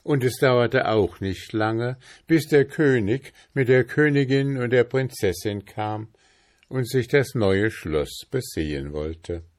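A man reading a fairy tale aloud as narrator, in an unhurried storytelling manner. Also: mid-range voice, animated.

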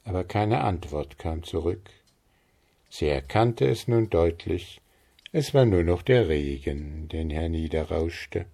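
A man narrating a fairy tale in a calm, measured storytelling voice. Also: sits low, gravelly.

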